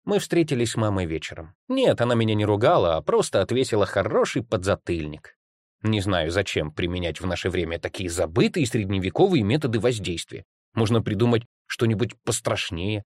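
A man reading a humorous first-person story aloud, with ironic, animated storytelling. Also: on the low side, brisk, no room sound, studio quality. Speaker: audiobook reader.

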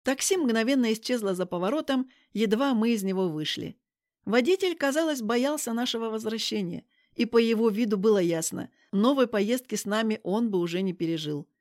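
A woman narrating a first-person romance audiobook in a lively, expressive way. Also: a little high, a little fast, dry recording, studio quality.

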